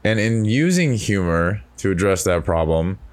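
Brief: male podcast host, lower pitch, casual and rambling. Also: big pitch swings, normal speed. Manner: rambling, reflective, many restarts. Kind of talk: casual chat.

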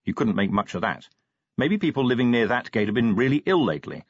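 A man voicing a gruff, weary middle-aged watch commander who speaks brusquely and matter-of-factly. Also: mid-range voice, sing-song, fast talker, no room sound. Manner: brusque, dry, matter-of-fact. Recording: dull dry studio recording.

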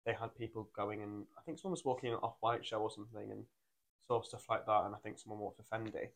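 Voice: mid-range voice, steady tone, fast talker. A young podcast host speaks in a North East English accent from Durham. The style is a casual chat, with informal questions that are loosely phrased as they go. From Durham, England. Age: young adult. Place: living room.

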